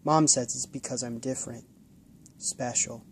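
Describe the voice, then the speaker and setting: A man voicing a lonely, gentle little boy who talks softly and hopefully. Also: medium pitch, fairly even intonation, normal speed, a little hiss or hum, natural voice. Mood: wistful. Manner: eager, hopeful, soft.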